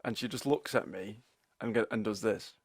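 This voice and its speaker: A man's voice: fairly low pitch, moderate pace, breathy edge, dry recording, clean studio sound. A young man, telling a funny family story with wry laughs on a casual podcast. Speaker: podcast co-host.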